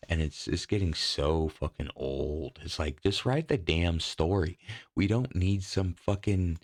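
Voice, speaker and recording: A man's voice: sits low, a little slow, a little mellow, dry recording, studio quality. A man hosting a casual horror talk show, ranting in a profane, rambling, exasperated way. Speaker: podcast host.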